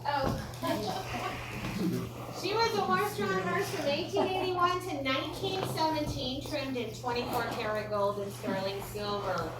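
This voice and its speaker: High-voiced American woman guiding a ghost tour. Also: unhurried. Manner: folksy, joking, chatty storytelling. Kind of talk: informal guided tour talk to a group. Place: indoor room of an old theatre. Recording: roomy echo, distant mic, clear background noise.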